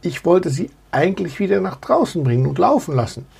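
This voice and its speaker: A man's voice: sits high, sing-song, fairly quick, gravelly, breathy edge, pitched above the performer's own voice, full character voice. A man voicing a kindly, polite male servant of the king in a storybook. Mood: gentle. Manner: polite, gentle.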